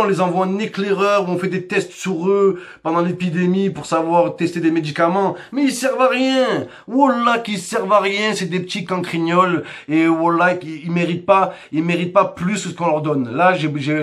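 Guy with a high voice doing a mocking comedy rant, teasing nonstop. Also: brisk, hardly any pauses, a bit bright. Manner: mocking, teasing, jumps between high and low pitch.

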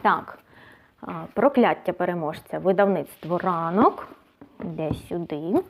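A woman's voice: on the low side, expressive, measured pace, creaky, a little hiss or hum. A woman book blogger in a casual vlog, chatting and thinking aloud as she sorts books. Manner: chatty, thinks aloud, often says "so" between items.

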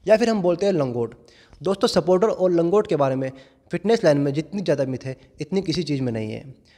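A man's voice: on the high side, dark tone. A young man in his twenties, a gym owner, earnestly explaining fitness to camera in a large indoor gym through a lapel mic. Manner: earnest, explanatory, addresses viewers as friends. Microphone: clip-on lapel mic held in hand. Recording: long reverb of a gym hall.

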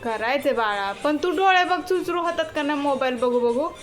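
A woman's voice: sits high, lively intonation, normal speed, soft background music. A young mother chatting with her little child in a casual family vlog, coaxing and teasing. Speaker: mother and vlogger.

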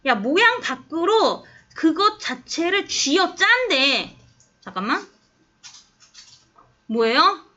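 A woman's voice: extremely high pitch, very animated, slow, pauses often, pushed and bright. A woman teacher explaining an English text to a classroom of students, coaxing them and checking often whether they follow. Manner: coaxing, keeps asking the class if they understand. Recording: dull lo-fi classroom recording.

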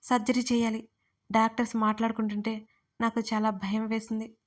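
Woman narrating an emotional story in a flat, steady voice. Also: fairly high pitch, moderate pace. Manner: emotional storytelling, voicing all characters herself. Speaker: writer and narrator. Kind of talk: first-person audio story narration.

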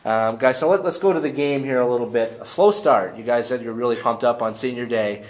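A man's voice: medium pitch, a little fast. A man interviewing players at a postgame press conference, rambling and restarting his questions.

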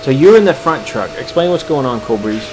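A man with an ordinary mid-range voice talks through recorded gameplay in a relaxed, casual tone. He explains each move step by step, like a host walking his squad through a past match. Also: medium pitch, fairly quick, background noise.

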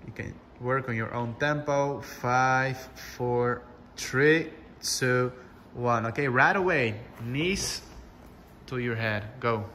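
Bright-voiced, unhurried male workout instructor. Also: medium pitch, big-room sound, a little hiss or hum. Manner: encouraging, short commanding cues. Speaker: fitness class instructor. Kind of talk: instructing a home workout class with cues and countdowns.

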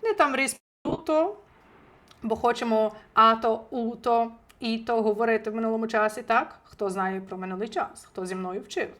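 A woman teaching an online language lesson from home, chatty and lively, talking straight to her viewers, a little under the weather. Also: a little high, moderate pace. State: recovering from illness, clears throat. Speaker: Italian teacher. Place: home, indoors.

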